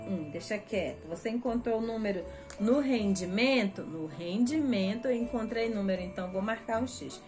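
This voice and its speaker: A Brazilian woman teacher patiently walking young pupils through a worksheet, step by step and repeating herself. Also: on the high side. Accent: Brazilian Portuguese. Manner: patient, repetitive, slow step-by-step explaining. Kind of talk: remote first-grade lesson walkthrough.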